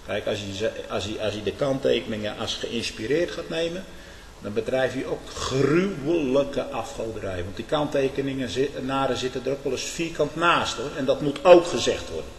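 A man's voice: lively intonation, normal speed, a little hiss or hum. Fiery preacher man in an echoey hall. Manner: swings from low muttering to shouting; asks "hè?" and "hm?" to the listeners. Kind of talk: fiery sermon. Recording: echoey hall with long reverb.

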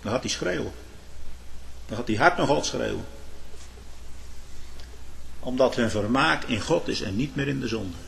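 A man's voice: animated, unhurried, gravelly, pauses often, slight background noise. A man preaching a sermon, swelling emphatically on key words and turning to his listeners with short asides. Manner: emphatic preaching with sudden swells in loudness and pitch; addresses listeners with "hoor" and "hm?".

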